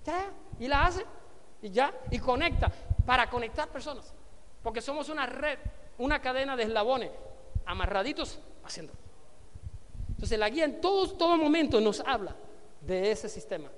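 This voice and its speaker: A man's voice: very high-pitched, expressive, normal speed, long pauses, a bit bright, long reverb tail, a little hiss or hum. A man leading a motivational business seminar, preaching to the room and quizzing the audience to answer and repeat after him. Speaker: network marketing trainer speaking to an audience.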